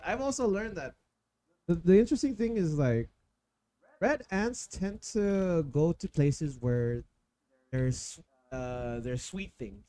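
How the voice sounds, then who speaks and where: A man's voice: fairly high pitch, animated, slow, mellow. A man hosting a casual podcast stream, rambling through stories with many restarts. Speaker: podcast host. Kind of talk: casual chat.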